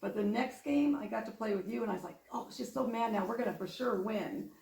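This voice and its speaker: A woman's voice: fairly high pitch, fairly quick, creaky, darkish tone. A woman hosting a casual podcast, chatty, often stumbling and repeating words as she talks. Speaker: podcast host. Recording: echoey room, mic at a distance.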